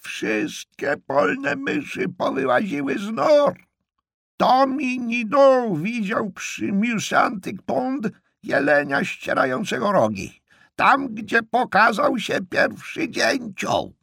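A man voicing a deaf ninety-three-year-old woman who yells her weather predictions at the top of her lungs, in an audiobook reading. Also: very high voice, big pitch swings, slow, creaky, breathy edge, dry recording, studio quality, voice pushed up, exaggerated voice. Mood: shrieking. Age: 90s.

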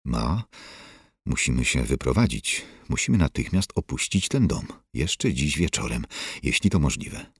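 A man's voice: rumbling low, big pitch swings, a little slow, creaky, slightly rough, no room sound, studio quality, voice pushed down, heavily acted. A man voicing a frightened grown son who urgently pleads with his mother to leave.

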